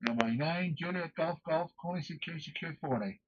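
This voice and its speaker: A man's voice: a little high, normal speed. Man calling on ham radio, dull static-tinged sound. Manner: formulaic, spells call signs in phonetic alphabet. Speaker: amateur radio operator.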